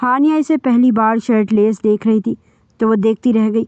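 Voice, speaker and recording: Female narrator for a dramatic audio novel; slightly high voice, dull dry recording. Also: a little mellow, clear, resonant tone, no echo. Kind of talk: reading a romance novel aloud.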